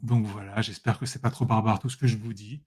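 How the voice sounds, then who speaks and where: Man, live software demo, chatty, self-correcting, talks to viewers, computer mic. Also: on the low side, fairly even intonation, fairly quick, breathy edge. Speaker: presenter demonstrating software. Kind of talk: live screen-share tutorial.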